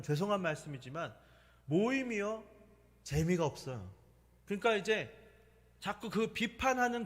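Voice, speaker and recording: A middle-aged male pastor preaching a weeknight sermon in a conversational, storytelling way, laughing now and then. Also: sits high. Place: church sanctuary. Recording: long hall reverb.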